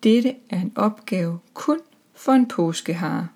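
A woman's voice: on the low side, animated, a little mellow. A woman voicing a dutiful, earnest male Easter hare in a children's storybook reading.

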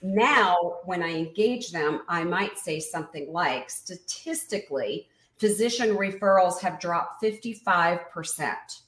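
A woman business coach being interviewed, explaining her method in an energetic, emphatic teaching tone. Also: on the low side, a little slow, echoey room.

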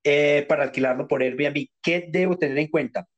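A man leads a relaxed-format interview. His voice sits a little higher than average for a man. He talks conversationally, explaining and putting questions. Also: moderate pace. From Colombia.

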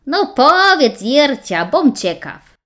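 A woman voicing a bashful country bachelor in a slightly lower voice. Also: big pitch swings, slow, fairly bright tone, heavily acted.

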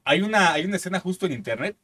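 Un hombre con acento mexicano, copresentador de un pódcast, que cuenta anécdotas con groserías y actúa las citas. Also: male voice, high-pitched, expressive, racing, a bit bright. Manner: storytelling, crude slang, acts out quotes. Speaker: podcast co-host. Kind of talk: casual chat. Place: studio.

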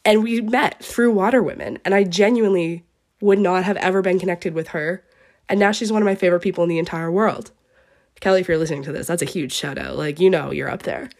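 A woman's voice: on the low side, quick pace, darkish tone. A young woman from eastern Canada hosting a podcast, talking earnestly and at length, her voice sounding sick. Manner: earnest, gushing, rambling. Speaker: podcast host. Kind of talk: heartfelt solo podcast farewell.

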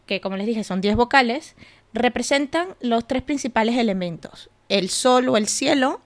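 Woman, podcast host, casual explainer, chatty, asks herself questions, fairly high voice. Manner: chatty, explains step by step with asides.

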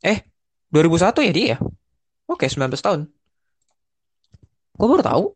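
A young man with a fairly high-pitched voice chats loosely as a podcast co-host. He talks in slang, often stops to restart a phrase and drops in English words. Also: very animated, moderate pace, breathy edge. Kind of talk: casual chat.

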